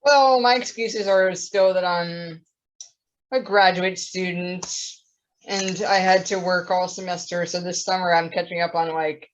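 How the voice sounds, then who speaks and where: A woman's voice: lowish voice, steady tone, unhurried. A young woman chatting casually on a podcast, rambling with plenty of fillers. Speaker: podcast co-host. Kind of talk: casual chat. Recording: dull lo-fi audio.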